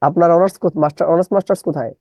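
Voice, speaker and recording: A man's voice: on the high side, steady tone, rapid-fire, mellow, no room sound, rough recording. Give me a male English teacher who drills words syllable by syllable. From Bangladesh. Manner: drills students, repeats questions, spells words out syllable by syllable. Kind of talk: live online English lesson.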